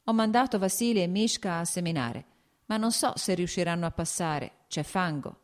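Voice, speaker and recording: A woman's voice: on the low side, moderate pace, lightly acted. A woman reading the part of a farm steward man who answers with shrugging excuses. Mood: offhand.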